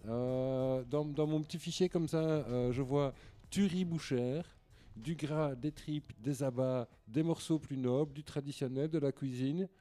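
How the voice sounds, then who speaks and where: A man chatting casually on a podcast, halting with many restarts as he presents an album. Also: mid-range voice, mellow.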